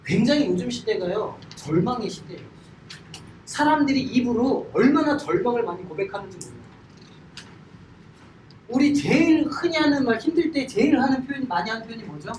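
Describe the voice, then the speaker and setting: Middle-aged man, Bible teacher, lively questioning delivery, echoey room, distant mic, audible background noise. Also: very high voice, brisk. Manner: animated, questions the class and acts out everyday sayings. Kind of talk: Bible study lecture with audience questions.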